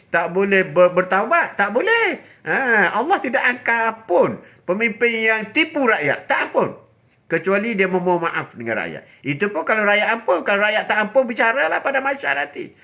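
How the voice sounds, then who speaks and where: An older man with a Malaysian Malay accent, hosting a live religious talk. He preaches in a fiery, animated way, laughing often and dropping into sudden low asides.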